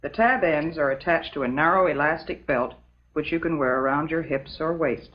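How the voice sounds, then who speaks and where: A calm, motherly substitute teacher is voiced by an American actress who sounds low-pitched and close to everyday speech. Within an old educational film, her scripted lecture is patient, instructive, prim and measured, and the audio is muffled and dull.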